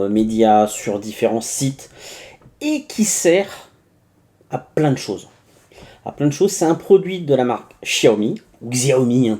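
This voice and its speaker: A man's voice: mid-range voice, dark tone. A man from France hosting a casual unboxing review, chatty and full of hesitations and little asides as he narrates each step. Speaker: tech reviewer.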